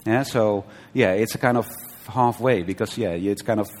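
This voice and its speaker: A man teaching a conversational sermon, often checking with his listeners with a quick "right?" and restarting his sentences. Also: on the low side, darkish tone. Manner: conversational, frequent "right?" checks and brief laughs, self-correcting restarts. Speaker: preacher. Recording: long hall reverb.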